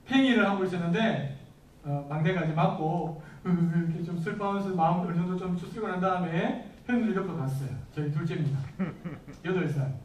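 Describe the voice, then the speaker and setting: A pastor in his thirties preaches a sermon with a fairly high voice, putting questions to the congregation and answering them himself. He is recorded from some distance in an echoey church hall, with a little room noise underneath. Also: brisk, darkish tone.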